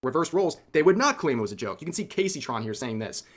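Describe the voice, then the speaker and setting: A man's voice: fairly high pitch, very animated, fast. A man giving news-style opinion commentary in an emphatic way, repeating points for effect. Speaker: commentary video creator.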